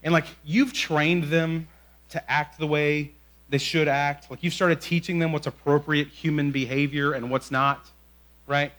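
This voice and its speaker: A young adult man preaching a sermon in a conversational way, often asking "right?", moving between quick asides and slow, drawn-out emphasis. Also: a little high, steady tone, a bit bright. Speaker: pastor.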